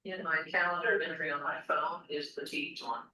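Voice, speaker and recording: A woman heard over a speakerphone, her bright, sharp voice sounding distant and echoey in the meeting room. She briefs the meeting in a measured, procedural way, pausing on "uh" now and then. The speakerphone makes her sound set back from the microphone. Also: low-pitched, steady tone. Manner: measured, procedural, with frequent "uh" fillers. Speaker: legal counsel. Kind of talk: formal briefing at a public meeting.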